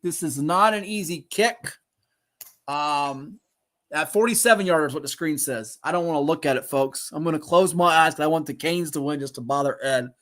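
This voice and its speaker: A man hosting a live sports talk show, calling plays and teasing his co-host, bursting into shouts and laughter. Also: a little high, normal speed. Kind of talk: live game-watch commentary chat.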